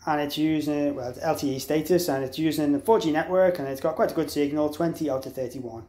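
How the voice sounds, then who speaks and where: Speaking fast with a dark, slightly high voice, a man walks viewers through a product in an informal, unscripted tutorial, spelling out characters and digits along the way. There's a roomy, echoing quality to the audio.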